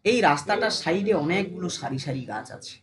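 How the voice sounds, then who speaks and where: Teacher in a casual online class, very animated up-and-down voice, keeps checking if students get it, drags syllables out slow. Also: medium pitch, noisy background. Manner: addresses students familiarly, asks them constant check questions; slows down to sound out syllables one by one.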